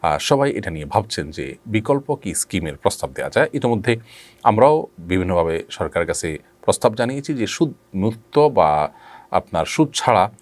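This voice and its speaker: A man, an Islamic scholar, answering viewers' questions in a measured, explanatory way with frequent drawn-out pauses. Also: lowish voice, big pitch swings, dry recording. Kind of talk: religious Q&A talk.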